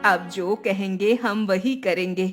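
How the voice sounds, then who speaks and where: A woman's voice: mid-range voice, fairly even intonation, slow pace, soft background music, voice pushed down, natural voice. A woman voicing a worried middle-aged mother-in-law in a cartoon, fretful in tone. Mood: hopeful. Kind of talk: cartoon voice acting.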